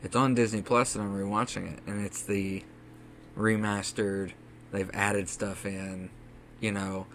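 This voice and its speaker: A man's voice: fairly low pitch, level tone, measured pace, fairly bright tone, a little hiss or hum. A man co-hosting a casual podcast, chatting enthusiastically and acting out quotes. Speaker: podcast co-host. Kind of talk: casual chat.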